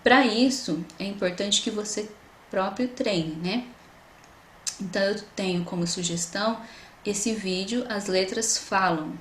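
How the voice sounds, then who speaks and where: Woman, Brazilian Portuguese accent, patient teacher, mid pitch, echoey room, faint background hiss. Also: measured pace, a bit bright. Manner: patient, explanatory, repeats "então" often. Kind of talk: recorded online lecture.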